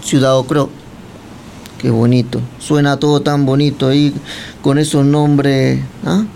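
In this casual conversation, a man from Cuba serves as guest interviewer, chatty and teasing as he asks questions and tells lengthy stories. He speaks at medium pitch in a level tone, with a gravelly, darkish voice and a touch of hiss or hum.

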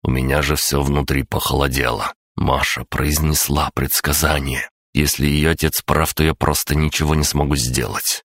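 Very deep-voiced male audiobook narrator. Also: no echo, clean studio sound. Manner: measured, even first-person telling.

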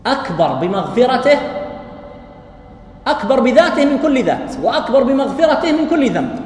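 A man preaching, talking quickly and swinging his pitch up and down. He keeps the lecture lively, throws rhetorical questions at the audience and chuckles lightly between points. His voice rings through a very echoey hall with a long tail and a faint hiss.

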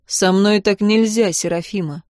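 An insistent, wounded young man with a cold edge, pressing his point low and firm, as a woman narrator voices him. The recording is dry and close, with no room sound. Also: moderate pace, a little mellow, dry recording, close to an everyday voice.

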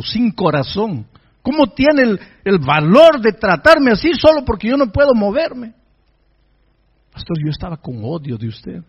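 A man preaching and quoting a contrite young man, once bitter and angry, in a soft, low, pleading voice. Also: breathy edge, muffled recording.

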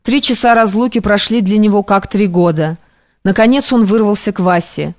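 A woman narrating classic prose for an audiobook in a measured, even manner. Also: mid-range voice, no room sound, clean studio sound.

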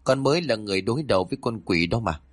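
A man's voice: lowish voice, expressive, very fast, no echo. A man voicing a worried, kindly older male landowner in a spoken ghost story, asking anxious questions.

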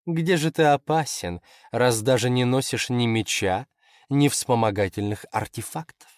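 A man's voice: mid-range voice, a little slow, no echo, clean studio sound, lightly acted. A man voicing a sly, imperious female fox spirit who speaks mockingly in a storybook reading. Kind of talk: audiobook character voice.

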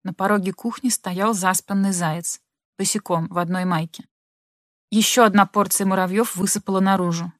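A woman narrating a literary audiobook in an expressive, measured manner. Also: medium pitch, no echo, clean studio sound.

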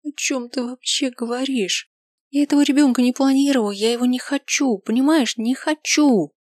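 A woman's voice: normal speed, no room sound, studio quality, natural voice. A woman doing a tearful, bitter young woman. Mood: distraught, angry. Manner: strained, tearful and high.

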